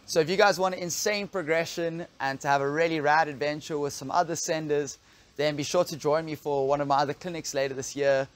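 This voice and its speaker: A man's voice: a little high, steady tone, a little fast. A man in his thirties, an enthusiastic kitesurf coach, talking to camera outdoors by a pool on a lapel mic. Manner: upbeat, enthusiastic, laughing. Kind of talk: promotional vlog talk to camera.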